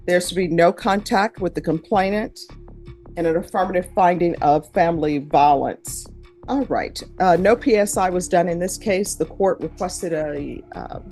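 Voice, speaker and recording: Fields: Sex: woman. Role: judge. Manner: brisk, formal, businesslike. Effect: courtroom recording. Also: fairly low pitch, a little mellow.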